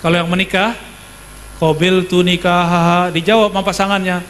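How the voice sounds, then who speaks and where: A man's voice: high voice, flat delivery, brisk, a bit bright, in a large hall, slight background noise. A man preaching a sermon in a conversational way, often putting questions to his audience.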